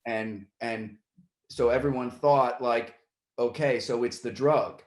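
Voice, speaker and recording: A man hosting a podcast talks casually in long, rambling stretches with many restarts, getting worked up as he retells a story. His mid-range voice is slow and a little mellow, with a roomy sound. He comes from the Puerto Rican side of his family.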